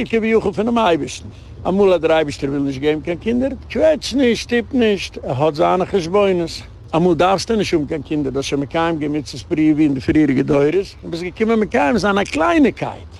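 A man, a rabbi, giving a storytelling lecture and jumping to a high voice when he quotes others. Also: gravelly. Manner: animated storytelling with sudden jumps in pitch.

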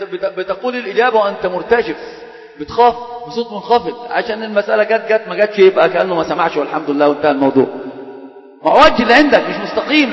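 A male sheikh with an Egyptian accent teaches a classroom religious lesson at a breakneck clip, his voice set fairly high. He keeps firing questions at his students and needling them, switching between formal and colloquial speech. The sound is dull and carries a long hall echo. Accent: Egyptian Arabic.

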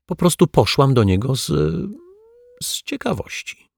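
A man's voice: low-pitched, expressive, darkish tone, husky, no echo, studio quality, heavily acted. A man voicing a prim, touchy middle-aged female teacher who talks defensively and earnestly in an audiobook. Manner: defensive, earnest, dramatic pauses. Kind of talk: audiobook character voice.

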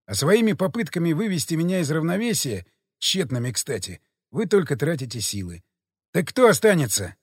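A man's voice: on the high side, big pitch swings, a little mellow, slightly rough, no room sound, clean studio sound, exaggerated voice. A man reading as a cool, venomous foreign leader. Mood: calm, cool. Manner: precise, measured, politely venomous. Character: calm, coldly sarcastic foreign man, expedition leader.

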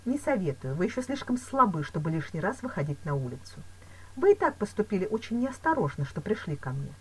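A wary fencing master speaks slowly and deliberately, read by a woman with a husky edge and lively pitch. He weighs each doubt before voicing it, like a measured storybook character. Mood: firm. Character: calm, suspicious male fencing teacher. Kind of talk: audiobook character reading.

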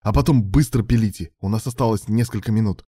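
A man's voice: lowish voice, fast talker, mellow, breathy edge, no echo, clean studio sound. A man voicing a determined male surgeon who gives firm, urgent commands.

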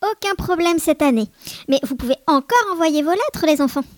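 Woman playing a very high-pitched little girl elf. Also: lively intonation, normal speed, dry recording, clean studio sound. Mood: cheerful. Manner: childlike, chatty, hesitant repetitions. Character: self-important, scatterbrained little female Christmas elf assistant. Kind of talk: children's Christmas podcast role-play.

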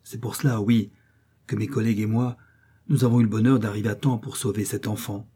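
In a lowish voice with a breathy edge, a man voices a calm, self-assured detective's agent who lays things out in a measured, reassuring manner.

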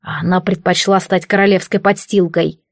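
A woman's voice: fairly low pitch, fairly even intonation, normal speed, no echo, studio quality, close to an everyday voice. A woman reading the lines of a proud, bitter male ambassador, cold and clipped in an audiobook. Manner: cold, clipped, spitting words.

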